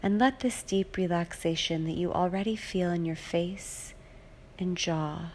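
A woman reading a guided hypnosis relaxation script in a slow, soothing, repetitive way, now and then dropping into soft whispers. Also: on the low side.

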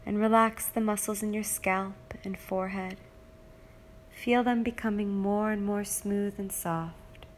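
A woman talks the listener through a guided relaxation, soothing and repetitive. She speaks at a mid pitch and takes her time over every phrase, as a hypnotist would. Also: a little hiss or hum.

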